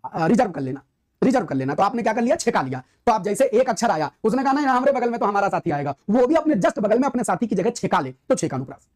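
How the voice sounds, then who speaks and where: A woman's voice: medium pitch, very animated, fast, a little mellow. Emphatic woman teaching Hindi grammar. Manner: explains with everyday examples and rhetorical questions; repeats key points emphatically. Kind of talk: classroom-style grammar lesson.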